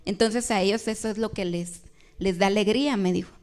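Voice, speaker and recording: A woman's voice: medium pitch, brisk, darkish tone. A woman giving a personal faith testimony at a church women's event, telling her story and acting out the quoted dialogue, often tagging her phrases with a questioning "right?".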